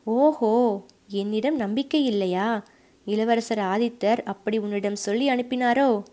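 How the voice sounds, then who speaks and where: A woman's voice: fairly high pitch, a little slow, warm tone, natural voice. A woman voicing a proud, hot-tempered middle-aged male fort commander in an audiobook, speaking brusquely and with suspicion. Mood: suspicious. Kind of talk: audiobook character voice.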